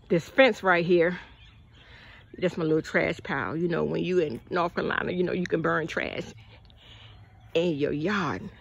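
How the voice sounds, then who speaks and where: A woman's voice: fairly low pitch, gravelly, fairly bright tone, dull audio. An older woman, a bit out of breath, chatting casually to viewers while walking through her outdoor vegetable garden, calling them y'all. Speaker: gardening vlogger.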